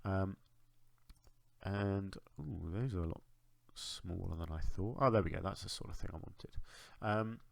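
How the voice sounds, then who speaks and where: A man's voice: low voice, measured pace, gravelly, no echo. A man with a blocked, congested nose, chatting casually to himself as he builds in a game. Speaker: gaming video host. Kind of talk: casual gameplay commentary.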